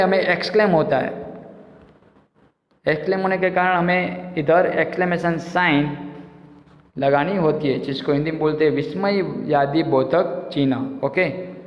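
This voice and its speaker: A male teacher works through a grammar lesson in a patient way, repeating points and asking the class questions. His voice sits fairly high. The sound is dull and lo-fi, with a long echo from the room. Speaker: school teacher. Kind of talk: explaining a Hindi grammar lesson.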